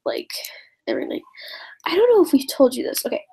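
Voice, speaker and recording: A woman's voice: high voice, wildly swooping pitch, fast, vocal fry, mellow, in a whisper, poor audio. A teenage girl from Indiana chatting on a live stream, rambling and giggly with lots of fillers and asides. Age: teens. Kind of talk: casual live-stream chat.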